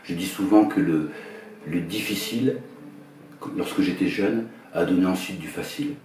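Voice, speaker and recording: A man in his fifties from northern France, a musician and songwriter, answering interview questions in a quiet, low-key voice that trails off. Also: normal speed, slight background noise. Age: 50s. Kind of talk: soft-spoken interview answers. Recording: echoey room, heard from a distance, guitar music behind.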